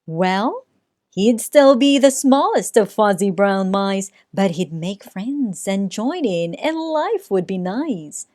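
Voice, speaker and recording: A woman reading a rhyming children's story aloud in a sing-song way, with dramatic pauses. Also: medium pitch, animated, darkish tone, dry recording, clean studio sound. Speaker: storybook reader. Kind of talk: children's read-aloud narration.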